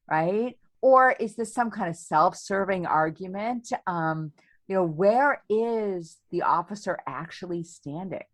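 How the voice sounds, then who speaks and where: A woman with a lowish voice tells a historical story in an interview. She keeps it animated, tagging lines with "right?" and filling pauses with "um". The recording is close and dry. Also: dry recording. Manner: animated retelling, many "um" and "right?" tags. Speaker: historian and author.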